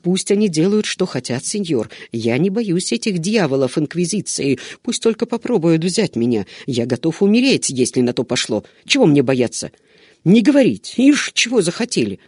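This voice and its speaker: A man's voice: a little high, moderate pace, no room sound, clean studio sound. A man voicing a tearful hot-tempered young servant. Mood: defiant. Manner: pleading, excitable, defiant.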